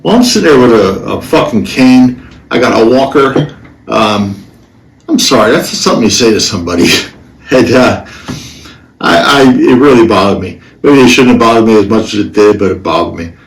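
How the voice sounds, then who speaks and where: Halting low-voiced man, roomy distant recording. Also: lively intonation. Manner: halting, hesitant, blunt and profane. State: half the face numb inside and out. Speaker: podcast host. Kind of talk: casual solo podcast talk, personal storytelling. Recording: roomy, distant mic with faint noise.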